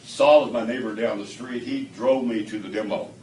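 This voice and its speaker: A man with a medium-pitched voice tells his testimonial at normal speed to a small crowd in an indoor room during a product demo. Animated, he plays out the quoted lines and laughs frequently. He's captured from a distance in an echoey room with background noise you can hear.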